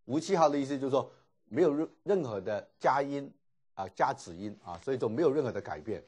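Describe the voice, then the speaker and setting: Husky guy lecturing on greek, voice bounces up and down a lot, lots of little fillers. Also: mid-range voice, animated, quick pace, a little mellow. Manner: explains patiently with many filler particles. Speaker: Greek teacher. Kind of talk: classroom lecture.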